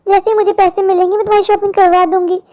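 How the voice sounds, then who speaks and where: A poor young woman from a cartoon, the worried older sister of the family. She talks in a very high, thin voice, pleading and worn down. Her sorrow runs through every line. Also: flat delivery, rapid-fire, mellow. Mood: despairing. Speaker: cartoon character. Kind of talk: Hindi cartoon voice acting.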